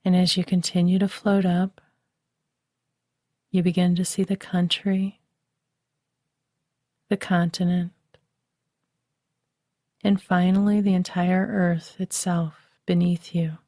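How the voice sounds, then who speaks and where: A meditation guide leads a bedtime relaxation session, speaking very slowly in a soft, soothing, flat and even tone. Her voice is mellow and slightly low, recorded dry and close like a studio voice-over, with no room sound.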